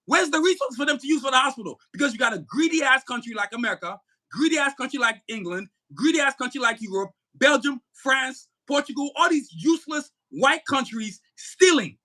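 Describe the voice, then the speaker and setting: A man co-hosting a podcast fires off an angry political rant, brisk and lively in intonation, his pitch extremely high. He swears, stresses every point, and shouts at times.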